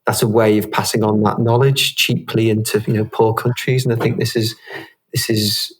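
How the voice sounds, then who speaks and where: A man's voice: on the low side, flat delivery, moderate pace, slightly rough, poor audio. A man co-hosting a podcast, chatting casually and often rephrasing himself as he goes. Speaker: podcast co-host. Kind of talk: casual chat.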